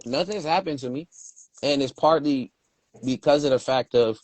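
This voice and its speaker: A man's voice: medium pitch, normal speed, darkish tone, no room sound, rough recording. A man from Brooklyn hosting a casual chat, talking in laid-back street slang. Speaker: host.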